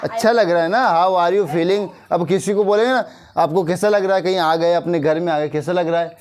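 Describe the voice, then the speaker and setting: A man teaching a class, saying English sentences slowly and repeating them before explaining. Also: high voice, fairly even intonation. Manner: slow, repeats English phrases then explains in Hindi.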